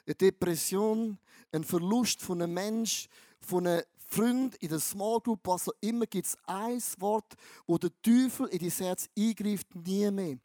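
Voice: mid-range voice, a little slow, warm tone, dry recording, clean studio sound. A preacher giving a sermon, talking emphatically with lots of slang and repeating phrases for effect. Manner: emphatic and repetitive, with slang-laden storytelling.

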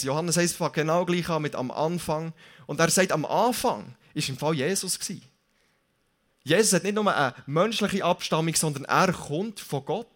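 Lively young Swiss preacher, fairly high voice. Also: male voice. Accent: Swiss German. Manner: lively, casual preaching with jokes and self-corrections. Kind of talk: sermon.

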